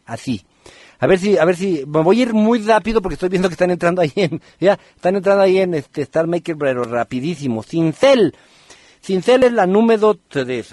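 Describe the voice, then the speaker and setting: A man hosts a radio podcast, reading numerology for callers in a lively, teasing way. His voice sits a little high for a man, and the sound is dry and close to the mic. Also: dry recording. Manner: lively, teasing, addresses listeners by name with rapid questions.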